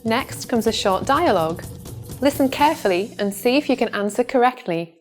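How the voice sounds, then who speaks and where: A woman's voice: a little high, animated, moderate pace, faint music behind. A woman hosting a language quiz video, addressing viewers in an upbeat way. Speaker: host. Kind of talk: video lesson presenting.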